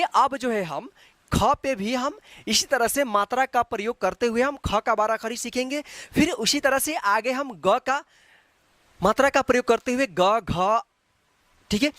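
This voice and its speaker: A woman teaching a Hindi alphabet lesson. She explains patiently, repeats herself and checks in often, then chants syllables loudly and slowly. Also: a little high, dry recording. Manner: patient, repetitive, checks with frequent "ठीक है".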